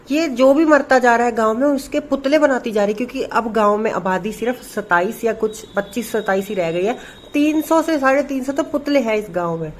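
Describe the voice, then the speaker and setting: A young adult man from Punjab, India, a dance content creator, chats through a casual daily vlog in a rambling, playful way. His voice is high, and the rough recording carries a little hiss or hum.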